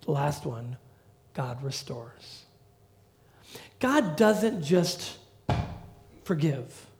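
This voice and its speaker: A middle-aged male pastor preaching a sermon in a conversational, animated way with humorous asides. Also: on the high side, drawn-out words.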